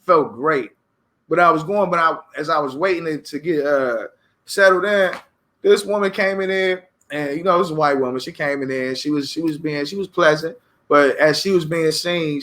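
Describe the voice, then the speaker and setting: A young man with a high, bright voice hosts an unscripted podcast, talking in a loose, profane rant. He slips into sudden shouted bursts and then falls back to low, muttered asides. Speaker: podcast host. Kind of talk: unscripted casual monologue.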